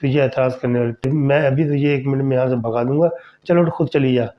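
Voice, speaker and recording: A blustering old man who scolds and threatens intruders, as a storyteller plays him. The lines come out raised and rough with anger. The audio is slightly dull and muffled. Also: medium pitch, fairly even intonation, brisk, lightly acted. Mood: angry.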